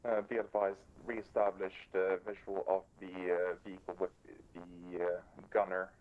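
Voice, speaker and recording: A man with a very deep voice speaks over a walkie talkie, giving drone reports in clipped radio procedure. He hesitates often and fills gaps with fillers. The walkie talkie sound is dull and lo-fi. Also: flat delivery, moderate pace. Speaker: drone operator in a milsim game.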